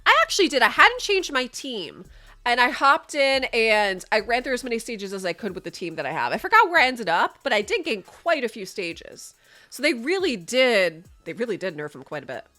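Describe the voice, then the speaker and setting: Faint music plays behind a young gaming creator whose fairly high, sing-song voice has a sharp tone and normal speed. She chats upbeat commentary on her gameplay for viewers, sniffly from a sinus infection, recorded indoors on a desk mic.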